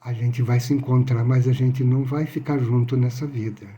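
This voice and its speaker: A man quoting a gentle young fair-haired girl. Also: medium pitch, little pitch movement, normal speed, lightly acted.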